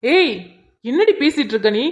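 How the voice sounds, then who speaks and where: A woman voicing a hot-tempered young husband in a cartoon drama, scolding and sharp. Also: high-pitched, sing-song, normal speed. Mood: angry. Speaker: cartoon character voice.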